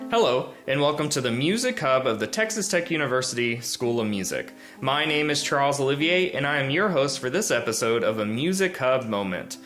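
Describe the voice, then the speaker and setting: A male host introduces the program and then puts questions to a guest, with some hesitant fillers. His pitch moves a lot, and soft music plays faintly behind him. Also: brisk, few pauses. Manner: lively intonation, hesitant fillers when asking. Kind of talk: scripted intro and interview questions.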